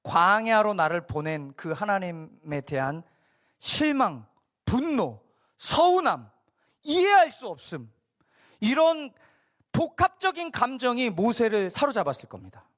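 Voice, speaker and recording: Middle-aged male pastor, high and very expressive voice, preaching with dramatic storytelling. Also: unhurried. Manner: animated storytelling, acts out quoted voices. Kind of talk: sermon.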